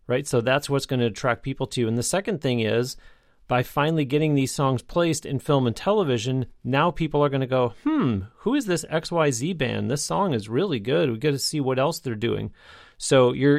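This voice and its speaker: A man's voice: medium pitch, no echo. Male podcast host, attentive recapper, dry close sound. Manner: summarizing, attentive. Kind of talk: interview chat.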